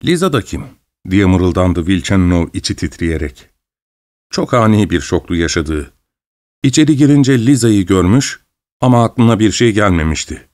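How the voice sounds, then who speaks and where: A man voice actor narrating a novel as an audiobook, measured and expressive. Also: low voice.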